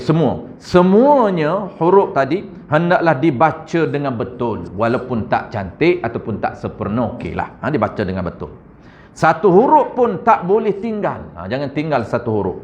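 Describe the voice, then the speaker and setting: Brief: Malaysian Malay male religious teacher, slightly high voice, muffled lo-fi recording, corrective tone. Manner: corrective, demonstrates recitation slowly, drawn out; addresses audience as tuan-tuan, frequent "ha". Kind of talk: Quran recitation class.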